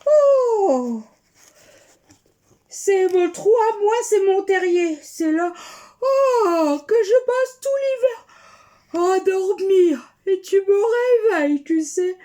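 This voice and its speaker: Lady doing a cranky sleepy marmot, whiny, high and loud-ish. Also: expressive, drawn-out words, exaggerated voice. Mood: grumpy. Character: sleepy grumpy marmot woken from hibernation.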